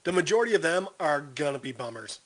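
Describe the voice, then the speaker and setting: A man's voice: a little high, sing-song, fast. A man on a casual friends' podcast, tossing in dry wisecracks. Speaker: podcast co-host. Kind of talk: casual chat.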